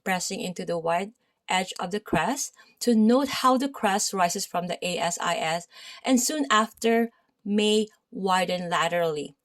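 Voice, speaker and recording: A woman with a Filipino accent teaching a massage therapy lesson, reading from a textbook with loud and soft stretches and chatty asides full of fillers. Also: mid-range voice. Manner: reads aloud, then adds loose asides with many fillers; loud reading voice that rises and drops.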